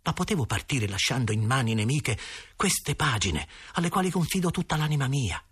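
Expressive husky male storyteller. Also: medium pitch, brisk. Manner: expressive, dramatic. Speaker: audiobook narrator. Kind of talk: first-person storybook reading.

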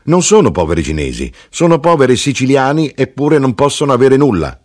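A man's voice: medium pitch, very animated, fairly quick, voice pushed up. A man reading the lines of an older Sicilian mother in a storybook reading, giving curt, matter-of-fact replies. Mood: blunt.

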